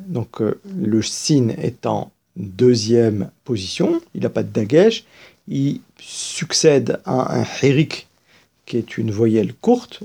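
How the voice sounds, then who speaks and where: A man teaches Hebrew scripture reading at an unhurried pace, his voice gravelly and dark. He explains grammar patiently and breaks into slow, stretched-out chanting of the verses. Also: medium pitch. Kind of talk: recorded lesson on Hebrew reading and cantillation.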